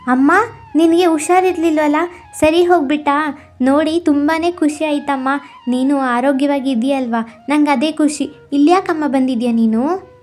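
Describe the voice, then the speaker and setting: Woman doing a bright, high younger sister. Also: moderate pace, soft background music, lightly acted. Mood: eager. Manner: eager, higher-pitched. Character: spoiled younger daughter turning regretful. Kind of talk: storybook character voice.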